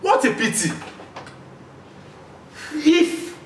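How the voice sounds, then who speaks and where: Earnest pastor, animated pitch, recorded distant in an echoey room, played by an actor. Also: male voice, drawn-out words, slight background noise, full character voice. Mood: concerned. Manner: earnest, prayerful. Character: concerned church pastor. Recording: echoey room, mic far off.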